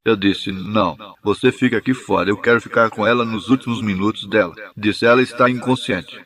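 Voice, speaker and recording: A man giving a measured, even reading of a translated sermon. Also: fairly low pitch. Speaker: sermon interpreter.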